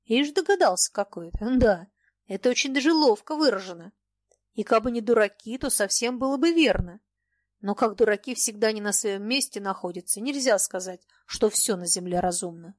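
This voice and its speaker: A woman's voice: mid-range voice, dry recording, natural voice. A woman voicing an old, shrewd merchant father who talks in a folksy, sententious way. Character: aged shrewd merchant father, sly and wordy. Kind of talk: audiobook character reading.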